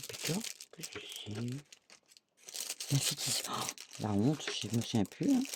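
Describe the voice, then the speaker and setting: A woman's voice: low-pitched, vocal fry, noisy background. A woman craft vlogger chatting casually to her viewers, thinking aloud and dotting her talk with little "hop" and "voilà".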